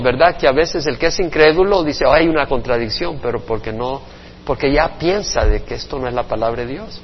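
A male pastor preaching a Bible study sermon to a congregation, expressive, with playful sound effects and acted quotes. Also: mid-range voice, a little hiss or hum. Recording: muffled reverberant church recording.

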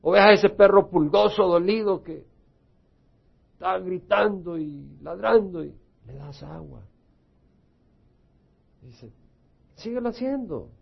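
Man, pastor, sermon, higher voice, emphatic bursts and soft prayer, muffled lo-fi sound. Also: slow, vocal fry, long pauses, breathy edge. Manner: preaches with rising emphatic bursts, then drops to soft prayerful tones.

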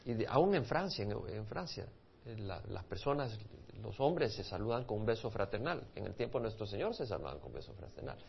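A Salvadoran pastor with a Spanish accent from El Salvador leads a Bible study in a chatty way, quizzing his listeners and restarting words. His fairly low, creaky voice is very animated and a little fast. The lo-fi recording sounds dull, with slight background noise.

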